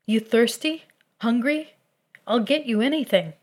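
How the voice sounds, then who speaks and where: A woman's voice: a little high, a little slow, a little mellow. Wakka, a woman doing an eager brash young man. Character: brash, warm-hearted young man, former athlete.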